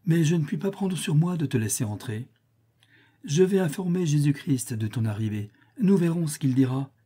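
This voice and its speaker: A man reading aloud, voicing a gruff saint at the gate who scolds in a grumbling tone, pitched above his own voice. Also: lively intonation, moderate pace, dark tone. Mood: scolding. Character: gruff male gatekeeper saint, stern but soft-hearted.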